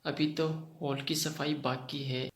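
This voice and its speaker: A sly, calm old grandmother with magic powers, as a man reads her in his own slightly high voice. The delivery stays flat, and the room echoes around it. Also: slow pace. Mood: mocking.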